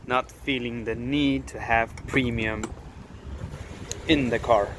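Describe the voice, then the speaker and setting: A young Swedish car vlogger with a Swedish accent chats upbeat and casually about his new car, outdoors at a fuel station and beside the car, tossing in self-deprecating asides. His voice is medium in pitch and steady, and he speaks slowly. Wind and ambient outdoor noise come through the recording.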